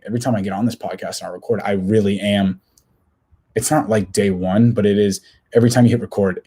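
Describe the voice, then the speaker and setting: A man's voice: fairly low pitch, dark tone, slightly rough. A man in his twenties hosting his own podcast, talking alone in a candid, rambling, self-questioning way. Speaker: podcast host. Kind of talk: casual solo podcast monologue.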